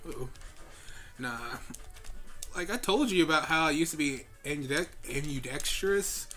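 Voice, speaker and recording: Giggly bright-voiced man gaming. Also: fairly high pitch, animated, moderate pace, faint music behind. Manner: giggly, laughs often while joking. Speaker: co-host playing a video game. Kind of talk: casual gaming chat.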